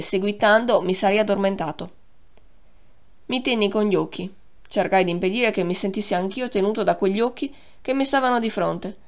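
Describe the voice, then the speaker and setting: A woman reads a literary novel aloud for an audiobook. Her pitch sits in an ordinary middle range, and her delivery is measured and expressive, easing the pace on the phrases that matter. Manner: measured, expressive reading that slows on key phrases. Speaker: audiobook reader. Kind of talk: scripted literary narration.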